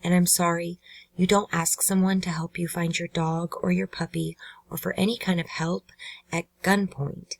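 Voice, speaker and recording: A woman hosting a true crime channel, giving measured, earnest scripted narration. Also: fairly low pitch, level tone, creaky, dry recording, poor audio.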